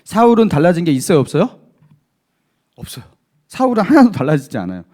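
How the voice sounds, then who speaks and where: A man's voice: high-pitched, big pitch swings, fast, darkish tone. A male pastor preaching a sermon, emphatic, asking the congregation rhetorical questions.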